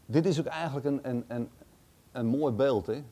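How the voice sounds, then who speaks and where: A Bible teacher with a mellow, medium-pitched voice reads a passage aloud at normal speed. He comments on it casually, thinking aloud with hesitant, chatty asides.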